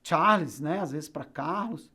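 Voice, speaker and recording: A man with a Brazilian Portuguese accent teaching an English grammar lesson, chatty and lively, repeating words to drill pronunciation. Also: a little high, a little slow, slightly rough. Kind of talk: explanatory classroom lesson.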